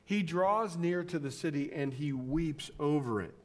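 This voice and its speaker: A male pastor preaching a sermon in a conversational way, often restarting his sentences and acting out the quoted voices. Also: a little slow. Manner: acts out quoted voices with lively pitch swings.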